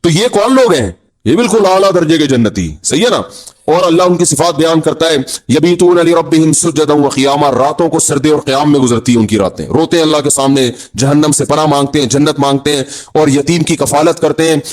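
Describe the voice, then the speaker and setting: A middle-aged man preaching a sermon with a Pakistani Urdu accent. His voice sits a little high for a man, and he mixes teaching with joking asides. He often drops into mock voices to act out the people he describes. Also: brisk. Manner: humorous, mimics people in low voices. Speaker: Islamic preacher.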